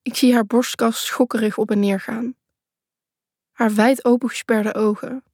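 A woman's voice: on the high side, fairly even intonation, a little slow, darkish tone, no echo, studio quality. A woman reading a first-person thriller aloud in a tense, urgent way. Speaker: audiobook narrator.

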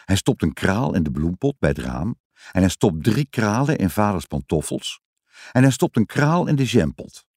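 A man reading a children's story aloud in an expressive, sing-song storytelling manner. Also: fairly low pitch, normal speed, husky, no room sound, clean studio sound. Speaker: narrator.

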